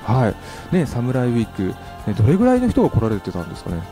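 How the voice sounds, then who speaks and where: A male radio host chats through an interview at a very quick pace. His pitch moves in a lively way and his manner is polite and responsive, with faint music behind him. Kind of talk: casual chatty interview.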